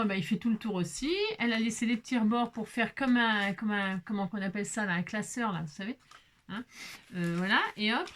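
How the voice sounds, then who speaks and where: Gushing woman chatting while crafting. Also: medium pitch. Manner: gushing, exclaims over every detail; chatty, talks to viewers while working. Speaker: craft vlogger. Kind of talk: casual crafting tutorial chat.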